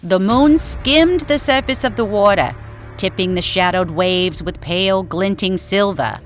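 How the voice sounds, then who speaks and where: A medium-pitched woman performs scripted horror narration in the dramatic manner of old-time radio, theatrically savoring every descriptive word.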